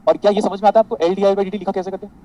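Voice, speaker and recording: A man's voice: high-pitched, little pitch movement, rapid-fire, dark tone, rough recording. A man teaching an engineering class online, mixing Hindi and English, with a sarcastic, exaggeratedly polite manner.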